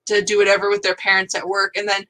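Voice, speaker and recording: A woman's voice: mid-range voice, completely flat delivery, fast talker, pushed and bright. A young woman, chatting casually as co-host and acting out her own reactions. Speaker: co-host of writing sprint stream. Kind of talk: casual chat.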